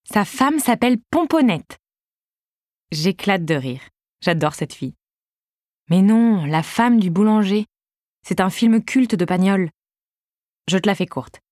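A woman's voice: mid-range voice, a little mellow, no room sound. Female audiobook narrator, wry conversational read, dry close sound. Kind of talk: scripted first-person narration.

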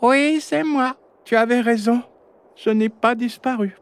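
Squeaky snow creature Oran. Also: male voice, a little slow, smooth, no echo. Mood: eager. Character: small creature Oran, frantic and shrill. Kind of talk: children's storybook reading.

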